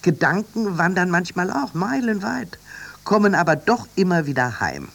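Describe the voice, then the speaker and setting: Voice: mid-range voice, very animated, normal speed, vocal fry, fairly bright tone, pitched above the performer's own voice, heavily acted. A reader voicing a kindly, caring ship captain who reassures his sister in a children's radio story. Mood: reassuring.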